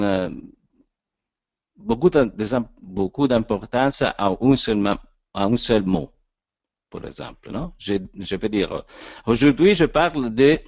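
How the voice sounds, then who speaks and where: Slow, halting Italian-accented man lecturing. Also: lowish voice, no echo. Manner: halting, searches for words, frequent hesitations. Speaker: actor and director giving a talk on voice. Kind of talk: informal lecture. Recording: dull lo-fi sound, dry.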